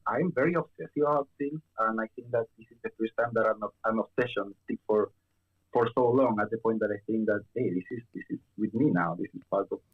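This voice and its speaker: The audio is dull, and the fairly low voice belongs to a young man from Chile chatting as a guest. His casual talk is halting, with many fillers and restarts.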